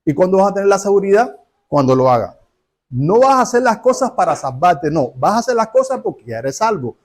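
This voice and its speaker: A man's voice: high voice, a little mellow. A man preaching a sermon, asking rhetorical questions and acting out little dialogues.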